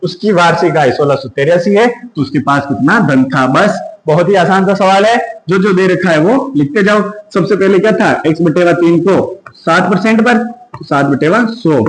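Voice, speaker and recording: Guy doing an exam maths class, talks through each step, high pitched, echoey room. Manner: works through sums step by step, asking and answering himself. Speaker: maths teacher. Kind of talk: exam-prep maths lesson.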